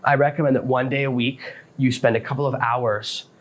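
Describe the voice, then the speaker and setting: Speaking briskly at medium pitch with fairly even intonation, a podcast host walks listeners through advice one step at a time. He's a self-employed author, casual and practical in his explanations.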